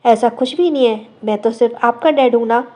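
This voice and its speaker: A woman voicing a loving middle-aged father who speaks softly and soothingly to his daughter in an audio story. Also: very high-pitched, fairly quick. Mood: tender. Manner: soft, soothing.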